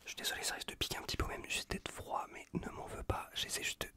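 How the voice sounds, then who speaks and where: A Frenchman from the Bordeaux region whispers a casual, reassuring ASMR roleplay, playing a caring survivor who tends to a wounded stranger. His French accent comes through as he speaks breathily and at a quick pace, very close to a Blue Yeti microphone.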